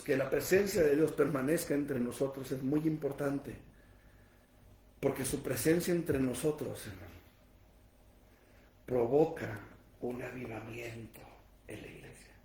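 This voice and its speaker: A man preaching a sermon as pastor. He swings between loud shouting and hushed, low speech, and mixes in everyday jokes and direct questions to the congregation. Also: measured pace, pauses often. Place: church sanctuary. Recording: echoey church room, distant mic, faint noise.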